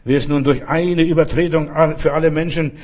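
Husky-voiced fervent German-speaking preacher man. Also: a little high, steady tone, brisk, darkish tone. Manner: fervent, talks straight to the listener. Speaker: pastor. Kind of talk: sermon.

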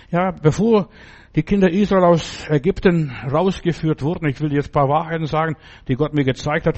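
A man's voice: on the high side, a little mellow. A man preaching a sermon in a blunt, insistent way, talking straight to the listener. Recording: dull lo-fi recording.

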